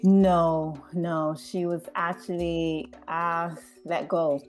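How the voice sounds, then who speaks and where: A woman from Barbados, a screenwriter, speaking thoughtfully in an interview with frequent pauses. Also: lowish voice, flat delivery, faint music behind. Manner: thoughtful, measured, with many "uh" pauses. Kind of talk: interview conversation.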